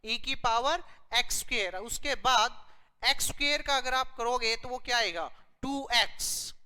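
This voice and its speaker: A woman's voice: a little high, bright, forceful tone, clean tone, big-room sound, rough recording. A woman physics teacher working through a math problem step by step, asking and answering her own questions.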